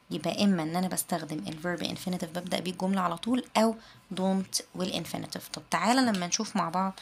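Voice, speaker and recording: A woman with an Egyptian Arabic accent teaching an English grammar lesson, patiently repeating her English example sentences slowly. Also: fairly low pitch, slight background noise.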